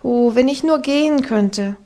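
A woman reading an audiobook voices a gentle girl who cannot walk, speaking softly and wistfully. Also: sits high, unhurried.

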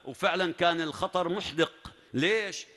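Male preacher, bright and forceful, dramatic sermon storytelling, echoing hall. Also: high-pitched, moderate pace. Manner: dramatic, emphatic narration with rising bursts. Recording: long reverb at a large venue.

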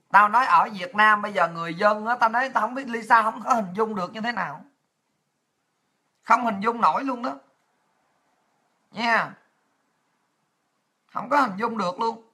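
A woman's voice: fairly high pitch, sharp tone. A woman giving a livestream commentary rant as a political commentator. She talks in a blunt, coarse way and scolds her listeners directly.

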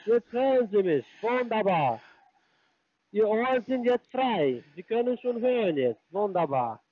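A man's voice: sits high, very animated, unhurried, no room sound. Non-native man trading insults by phone. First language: not German. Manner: broken German, mocking, repetitive insults. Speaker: scam caller. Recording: dry muffled phone call.

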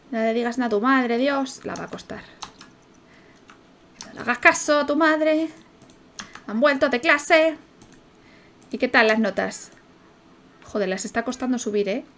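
A young woman talks through a life-sim game in loose commentary from her home setup. Her voice sits somewhat high, and she talks in a chatty, playful way, swearing freely and chanting repeated words at a desk mic. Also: fairly bright tone, slight background noise. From Spain. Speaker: streamer. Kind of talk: casual gameplay commentary.

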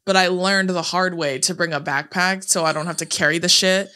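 A woman's voice: lowish voice, fairly even intonation, brisk, bright, forceful tone. A young woman co-hosting a podcast, telling stories in a blunt, casual way with plenty of swearing. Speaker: podcast co-host. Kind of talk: casual chat.

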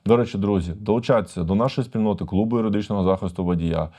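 A man's voice: fairly low pitch, rapid-fire, dark tone. A man, a lawyer, commenting on a video for viewers, emphatic and full of rhetorical questions.

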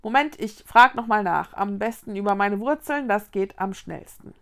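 A woman's voice: mid-range voice, expressive, normal speed, gravelly, fairly bright tone. A woman voicing a helpful, somewhat muddled fir tree woman who passes on a garbled message. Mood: flustered. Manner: eager and a little flustered.

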